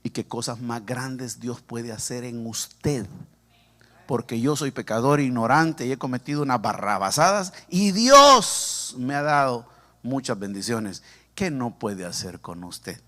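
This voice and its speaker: In a church sanctuary, a man from El Salvador with a Salvadoran accent gives a sermon built around his own story, told with humor. He speaks unhurriedly in a medium pitch, animated and talking straight to the congregation.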